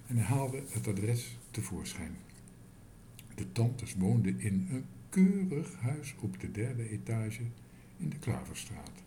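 A man reading a children's story aloud as narrator, in an expressive storytelling manner. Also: on the low side, slow, a little hiss or hum.

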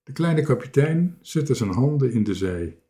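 Male narrator reading a children's story, slow, mid-pitched. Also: sing-song, mellow.

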